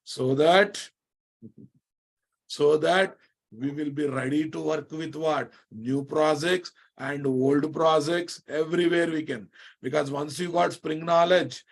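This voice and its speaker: An Indian-accented man teaches a live online technical class in a slightly high voice. He repeats key phrases and regularly checks that his students are following. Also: slow pace, creaky. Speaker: programming instructor.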